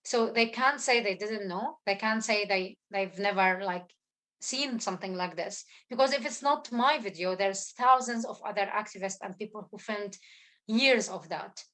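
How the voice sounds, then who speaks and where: Earnest woman, halting speech. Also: mid-range voice, a bit bright, poor audio. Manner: halting, many fillers and restarts, intense. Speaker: guest speaker, filmmaker. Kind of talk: earnest testimony at an online symposium. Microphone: video call.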